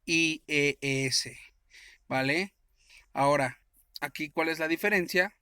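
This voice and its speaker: A man teaches an English grammar lesson with a bright, forceful voice. His voice sits a little high for a man, and the sound is dry and close. He explains step by step and often answers the questions he asks his listeners. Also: slow pace, smooth, no echo.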